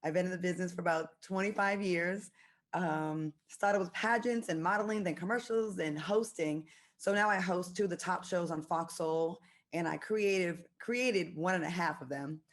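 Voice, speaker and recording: A brash, self-assured woman in middle age introduces herself with joking confidence. Her voice sits low. She talks like a seasoned TV host. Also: moderate pace. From Rhode Island, USA.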